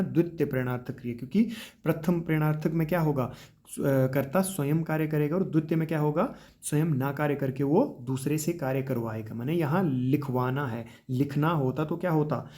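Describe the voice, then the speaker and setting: A man teaching grammar for a police exam, explaining step by step, calling his students children, and often tagging his points with a quick "right?". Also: on the high side, dark tone. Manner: explains step by step, addresses students as children, repeats with tag questions. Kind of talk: exam-prep grammar lesson.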